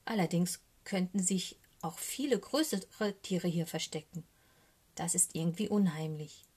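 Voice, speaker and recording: A woman's voice: fairly low pitch, a little slow, a little mellow, slightly rough. A woman reading a children's storybook aloud, expressively, sometimes dropping to a whisper for suspense. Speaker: narrator.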